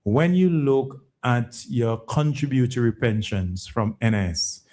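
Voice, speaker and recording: Man, mid-pitched, emphatic explainer, repeats words, executive guest answering callers. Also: expressive, slow, darkish tone. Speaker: pension fund chief executive, programme guest. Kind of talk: explaining policy to phone-in callers.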